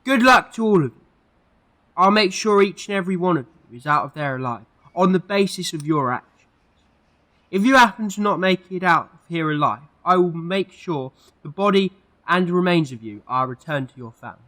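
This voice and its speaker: A man's voice: sits high, expressive, fairly quick, bright, forceful tone. A man playing an eccentric, protective time-travelling hero in an amateur audio drama, earnest and theatrical in delivery. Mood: earnest resolve.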